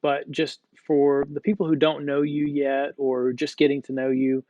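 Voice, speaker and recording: A man's voice: mid-range voice, completely flat delivery, moderate pace, no room sound, phone-quality sound. A man interviewing a guest, asking his questions hesitantly with many fillers.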